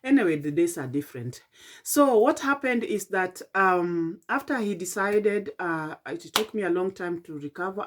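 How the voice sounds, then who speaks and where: A middle-aged woman with a Kenyan accent talks late at night, tired and yawning. Her voice sits a little low. She speaks slowly and reflectively, stopping and restarting often with "uh". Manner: halting and reflective, with many fillers and restarts. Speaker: vlogger. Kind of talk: late-night personal vlog.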